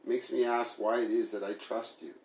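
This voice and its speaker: A man's voice: on the low side, steady tone, brisk, a little mellow, natural voice. A man voicing a hurt, sarcastic young woman who confronts her partner, speaking in a pleading, bitter way. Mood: hurt, pressing. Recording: roomy echo.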